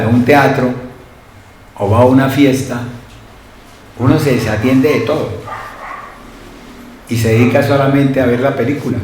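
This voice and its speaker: A man's voice: mid-range voice, a little mellow. Guy preaching, keeps asking the crowd "right?", super echoey church, faint hiss. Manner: conversational, asks the congregation frequent questions. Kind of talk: sermon. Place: church hall.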